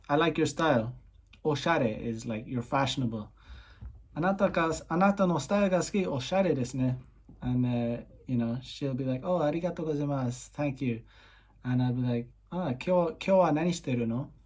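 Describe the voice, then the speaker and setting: Rambling man explaining casually. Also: medium pitch. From Ireland. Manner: rambling, heavy on "you know" fillers; slips in basic Japanese phrases and translates them. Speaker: dating coach. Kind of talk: casual explanatory vlog talk.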